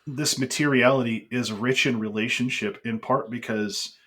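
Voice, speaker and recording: Man, mid-pitched, earnest and reflective, podcast conversation. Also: steady tone, normal speed, fairly bright tone.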